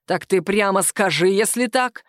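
A woman voicing an angry, bullying male office boss who growls and shouts slowly. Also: medium pitch, no echo, studio quality, natural voice. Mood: furious.

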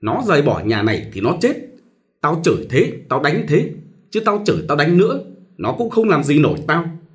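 A man's voice: mid-range voice, very animated, brisk, close to an everyday voice. A man voicing an angry, domineering older woman who scolds harshly in a storybook reading. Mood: scornful. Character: angry domineering old mother-in-law, sharp-tongued.

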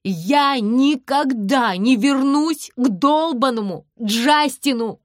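A woman voicing an emotional young heroine in an audiobook, outspoken and raising her voice high. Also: slow pace, no echo, studio quality. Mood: shouting. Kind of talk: audiobook character voice.

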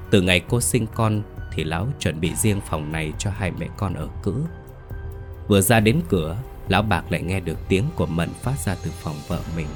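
A man narrating a scripted horror story in a measured, steady storytelling manner. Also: sits low. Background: soft background music.

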